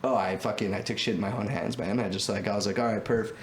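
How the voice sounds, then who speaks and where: A man with a Quebec French accent, telling a profane, rapid-fire story on a casual podcast and acting out the voices of the people in it. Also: on the low side, fairly even intonation. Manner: rapid, profane, acts out voices in his stories. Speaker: podcast host. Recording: roomy echo, faint noise.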